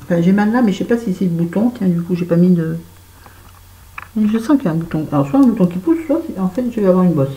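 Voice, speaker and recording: Fast and lively, a woman with a fairly low, warm voice tells a story while putting on make-up for a casual vlog in her bedroom, chatty and swearing freely. The low-quality recording has a reverberant sound.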